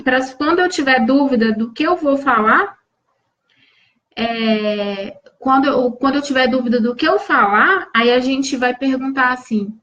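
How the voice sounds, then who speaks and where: A woman's voice: high-pitched, fairly bright tone, muffled recording. A woman from Brazil hosting a live stream, coaching viewers in an earnest, restarting way and answering them by name.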